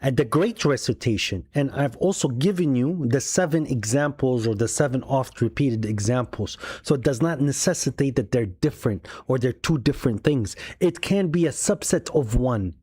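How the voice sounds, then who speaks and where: A man hosting a religious debate, who argues in a pointed, measured way, step by step. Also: mid-range voice, animated, warm tone, breathy edge, dry recording. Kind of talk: heated debate.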